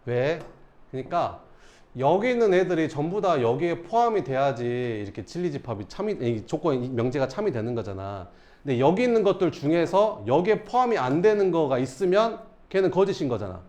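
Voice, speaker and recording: Man, math teacher, casual lecture, lively rising and falling pitch, fairly high voice, keeps checking in with students. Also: fairly quick.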